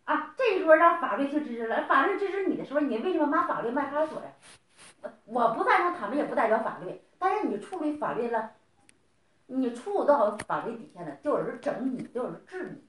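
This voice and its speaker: High, lively scolding woman. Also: fairly quick, reverberant. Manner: scolding, lecturing, repeats questions. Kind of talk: heated domestic argument.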